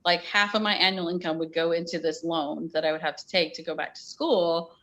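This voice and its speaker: A woman's voice: lowish voice, steady tone, brisk, fairly bright tone. A woman in her forties, a teacher, talking candidly as a podcast guest and weighing her options aloud. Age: 40s. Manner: candid, weighing things aloud, uses "like" often. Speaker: special education teacher, guest. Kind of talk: casual interview conversation.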